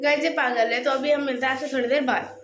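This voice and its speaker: A high-pitched young woman chats playfully to her viewers as a home vlogger, with a giggly, teasing manner. Her voice carries in an echoey room with steady background noise. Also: quick pace. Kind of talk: casual home vlog.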